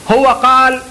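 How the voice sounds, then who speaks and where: A man's voice: very high voice, sharp tone, slight background noise, low-quality recording. A man teaching pulpit oratory in a classroom lecture, drawing out words to demonstrate delivery and talking to his students with joking asides.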